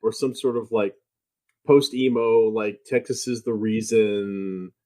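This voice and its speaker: A man's voice: lowish voice, slow. A man co-hosting a film podcast, making wry jokes in casual chat. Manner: wry, joking, lively. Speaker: podcast co-host.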